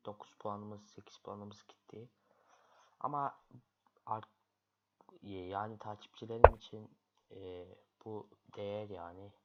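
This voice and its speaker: A man commentating his own online chess games, grumbling and muttering in frustration at his opponent. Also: fairly low pitch. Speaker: chess streamer. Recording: lo-fi, loud background noise.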